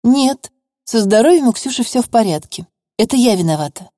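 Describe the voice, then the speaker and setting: A woman's voice: a little high, expressive, a little fast, dark tone, no room sound, clean studio sound, pitched above the performer's own voice. A woman voicing a mother who speaks firmly and earnestly in court. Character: mother of a teenage witness, confessing. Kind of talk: audiobook reading.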